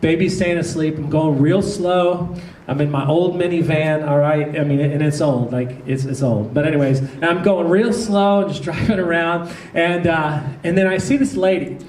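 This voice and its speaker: High-voiced pastor in a roomy hall. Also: male voice, moderate pace, a little hiss or hum. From American South. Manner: animated, humorous storytelling with asides to the congregation. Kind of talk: storytelling sermon. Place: church hall. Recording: roomy hall sound, mic at a distance.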